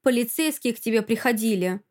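A woman's voice: on the high side, expressive, brisk, a little mellow, close to an everyday voice. Woman as an angry young heroine in an audiobook, demanding, bitter. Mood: furious.

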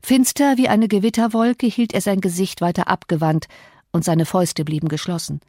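A woman reading a novel aloud as an audiobook narrator in a calm, measured way. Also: medium pitch, no room sound, studio quality. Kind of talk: scripted narration.

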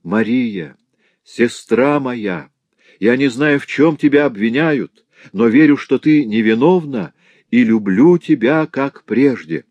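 A man's voice: on the low side, lively intonation, moderate pace, no echo, lo-fi sound. A man reading aloud and voicing a kind young girl who pleads earnestly, in a dry recording. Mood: tender. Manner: imploring, heartfelt.

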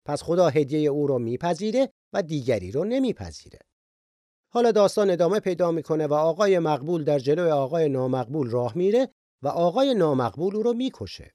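A man's voice: fairly high pitch, warm tone, dry recording, clean studio sound. A man giving an earnest, reflective Bible lesson in sermon style, sharing personal stories. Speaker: Bible teacher.

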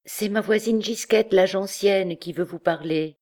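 A woman's voice: mid-range voice, a little slow, darkish tone, pitched above the performer's own voice, natural voice. A woman reading an audiobook, voicing a shy young townswoman who answers in flustered bursts. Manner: timid, confused.

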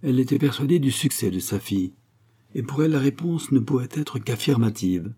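A man narrating a novel in a measured, expressive reading. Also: mid-range voice, slightly rough. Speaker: audiobook narrator. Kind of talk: scripted narration.

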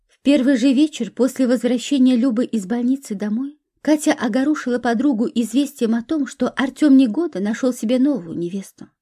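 A woman narrating an audiobook in a calm, measured reading. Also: on the high side.

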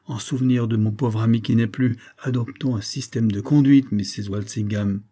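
A man's voice: fairly low pitch, steady tone, moderate pace, mellow, breathy edge. A man reading the part of a scheming middle-aged major, insistent and coaxing.

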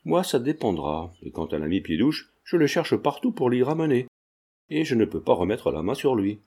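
A man's voice: medium pitch, very animated, normal speed, dark tone, slightly rough. A man voicing a brash, cheeky young painter who talks in a blunt, teasing way.

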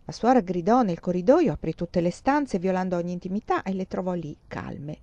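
Woman audiobook reader, calm measured novel reading, mellow voice, dry dull lo-fi recording. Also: on the low side, no echo.

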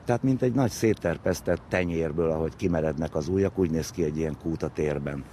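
With a dark bass voice, an expert interviewee gives an informal, lecture-like explanation full of vivid comparisons. Faint ambience and background noise sit in the recording.

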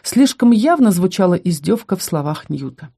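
A woman narrates a first-person fantasy story at a steady, even pace. Her voice sits low, with a dark, mellow tone. She tells the story plainly and calmly. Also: moderate pace, husky. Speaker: audiobook narrator.

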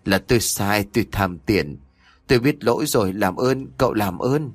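A distraught old father, once greedy and now full of remorse, scolds and begs by turns. His voice swings widely in pitch, sitting a little low and dry, as a man narrator reads him. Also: animated, moderate pace, dry recording. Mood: pleading. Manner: pleading, scolding.

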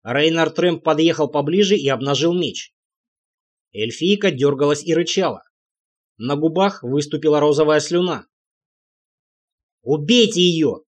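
A man tells a medieval fantasy story in the first person, in a measured audiobook reading. His voice sits a little high for a man. He reads the characters' lines himself and only shifts his delivery slightly for them. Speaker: audiobook narrator.

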